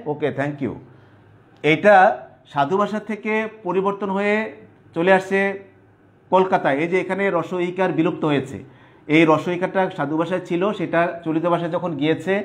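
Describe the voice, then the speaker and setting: A man teaching a grammar lesson online, his voice sitting a little high for a man. He dictates slowly, breaking phrases into single words and repeating them so students can follow along at the board. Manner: slow, repetitive dictation, spelling out terms piece by piece.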